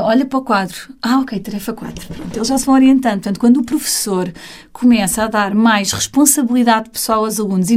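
A woman teacher with a European Portuguese accent talks in a casual conversation. Her voice sits fairly high for a woman. She speaks animatedly and slips into the voices of children and adults as she explains. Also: darkish tone.

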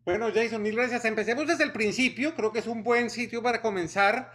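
Male interviewer with a higher-pitched voice who frames long questions. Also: brisk, a bit bright.

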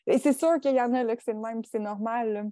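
A woman's voice: on the high side, quick pace, mellow, no echo, studio quality. A woman with a Quebec French accent hosting a casual podcast chat, colloquial and dropping in English words. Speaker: podcast host.

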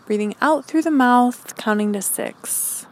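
A woman podcast host leading a calm grounding meditation, giving gentle, encouraging instructions. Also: fairly high pitch, a little slow.

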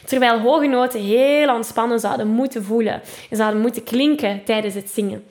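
A woman with a Flemish accent leads a singing lesson in a fairly high voice. She explains registers patiently, tags her sentences with a chatty "hè", and sings short vocal examples as she goes. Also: normal speed, a little mellow. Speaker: singing teacher and podcast host. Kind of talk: spoken vocal lesson with sung demonstrations.

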